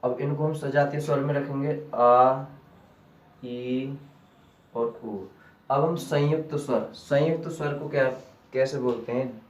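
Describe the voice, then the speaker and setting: A man teaching a grammar lesson slowly, repeating key terms back as questions to his students. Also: fairly high pitch, steady tone, a little mellow. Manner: slow and deliberate. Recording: echoey room, voice from a distance.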